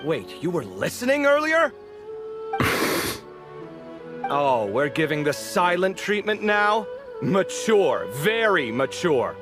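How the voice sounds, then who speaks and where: An actor playing an animated, sociable young man who bickers sarcastically with his roommate, in a game cutscene. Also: sits high, slow pace, pauses often, music in the background, exaggerated voice. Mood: exasperated. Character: expressive sociable young man architect, easily exasperated. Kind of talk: video game cutscene voice acting.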